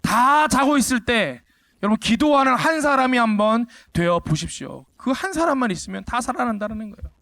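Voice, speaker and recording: A man's voice: extremely high pitch, lively intonation, fairly quick, pushed and bright, dry recording. A man preaching a sermon at a church service, emphatic and full of rhetorical questions put to the congregation, surging sharply upward to drive points home. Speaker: pastor.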